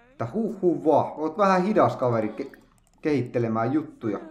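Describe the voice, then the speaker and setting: A man's voice: medium pitch, echoey room. A man giving casual, joking commentary as he plays a video game, chatting to his game characters. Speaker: let's play gamer.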